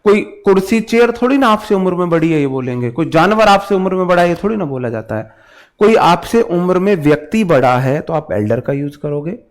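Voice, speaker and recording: With a high-sitting voice, lively intonation and a brisk pace, an Indian-accented man runs an informal grammar lesson for English exam candidates. He moves between Hindi and English, repeats points to drill them in, and speaks to his students in a familiar way.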